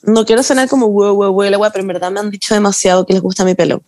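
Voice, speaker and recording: A woman's voice: mid-range voice, rapid-fire, no room sound. A young woman with a Chilean accent, chatting casually with friends and acting out quotes as she tells stories. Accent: Chilean Spanish. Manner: animated storytelling, acting out quotes. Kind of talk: casual chat among friends.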